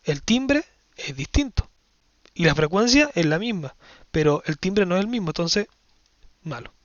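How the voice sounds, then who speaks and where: A man teaching a physics lesson, walking through exam questions and often checking in with a quick "¿ya?". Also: high-pitched, animated, no room sound, dull audio. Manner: explanatory, checks in with frequent "¿ya?". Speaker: science teacher.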